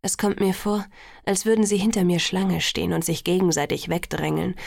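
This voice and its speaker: Brief: whispered role-play, a soft-spoken young suitor, low and silky, creaky edge, put on by a woman. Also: fairly even intonation, moderate pace, no echo. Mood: teasing. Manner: hushed, silky murmur.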